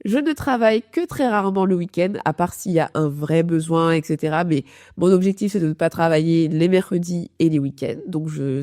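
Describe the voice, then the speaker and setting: A woman's voice: sits low, dark tone, dry recording, clean studio sound. A woman hosting her own podcast with a robotic digital glitch on her voice, chatting straight to the listener with loose restarts. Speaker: podcast host and productivity coach. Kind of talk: casual solo podcast talk.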